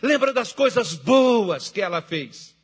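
A middle-aged man preaching a sermon as pastor, moving from hushed storytelling to shouted exhortation. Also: very high-pitched, animated, slow pace, breathy edge.

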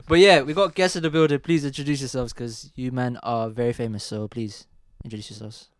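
A man's voice: medium pitch, steady tone, brisk. A man with a London roadman accent hosting a casual podcast, full of slangy, boisterous banter. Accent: London, urban street slang. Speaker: podcast host.

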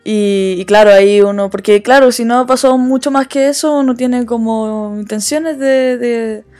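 A woman's voice: on the high side, normal speed, darkish tone, soft background music. A woman chatting casually, telling her dating stories candidly and acting out the dialogue with self-deprecating humor. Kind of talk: casual chat.

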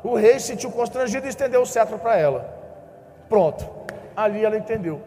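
Man, brazilian portuguese accent, pastor, animated preaching, high-pitched, long hall reverb. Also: a little fast, a little hiss or hum. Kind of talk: sermon.

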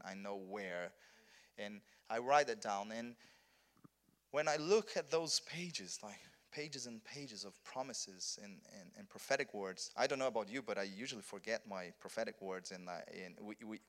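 In a fairly low, fairly bright voice at normal speed, a pastor from southern Brazil preaches a conference sermon in English. Portuguese is his language, and he speaks earnestly, with lots of restarts and repeated words.

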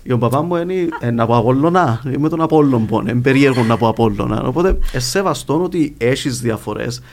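A man's voice: mid-range voice, animated, a little mellow, slight background noise. A man with a Cypriot Greek accent talking conversationally as a guest linguist in an interview, explaining things with examples. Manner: explanatory, illustrates points with examples.

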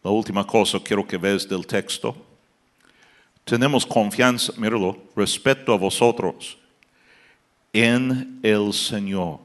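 A pastor preaching a sermon, building to loud emphatic passages and dropping to quiet asides. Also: male voice, on the low side.

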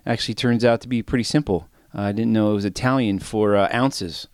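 A man's voice: lowish voice, steady tone, fairly quick, smooth, no echo, studio quality. A middle-aged man hosting a sports betting podcast, a bit out of breath and rambling off on tangents in casual solo chat. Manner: rambling, self-deprecating, goes off on tangents.

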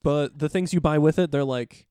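A man's voice: a little high, moderate pace, mellow, clear, resonant tone, no echo, studio quality. A man co-hosting a casual gaming podcast, rambling with many fillers and plenty of enthusiasm. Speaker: podcast co-host.

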